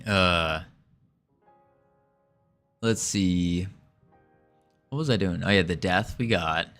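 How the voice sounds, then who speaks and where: Laid-back man dev on stream, low-pitched, unhurried, greets chat between tasks, soft music behind. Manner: relaxed, chatty, greets viewers, muses while working. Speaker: indie game developer streaming. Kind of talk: casual live coding stream, thinking aloud.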